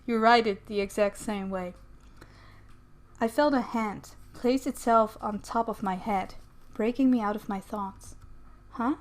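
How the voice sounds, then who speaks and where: A Dutch-native woman reading a visual novel aloud, chatty and quick to add her own comments. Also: mid-range voice, fairly even intonation. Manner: chatty, laughs and comments between lines. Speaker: let's player.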